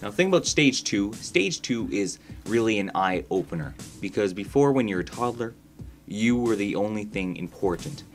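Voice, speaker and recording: A man's voice: on the low side, lively intonation, normal speed. A young man giving crude, sarcastic gameplay commentary in a laid-back storytelling manner. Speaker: gaming commentator. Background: faint background music.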